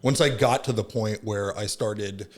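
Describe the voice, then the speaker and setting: A man with a fairly low voice talks a little slowly as a podcast guest, wandering through his story in a relaxed, reflective way. He's in his thirties, from Southern California though born in Finland, and fills his speech with words like "like" and "right?".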